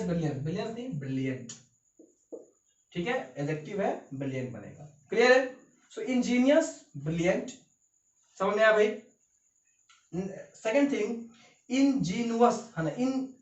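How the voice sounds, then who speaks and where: A man's voice: high-pitched, a little mellow. A man giving a vocabulary lecture, emphatic and often checking that students follow. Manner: emphatic, repeatedly checks understanding. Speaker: vocabulary teacher. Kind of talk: classroom lecture. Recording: roomy, distant, dull lo-fi sound.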